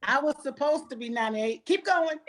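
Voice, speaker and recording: High, playful woman guest, teasing banter over group chatter. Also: animated, fairly quick. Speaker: podcast guest. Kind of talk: casual chat.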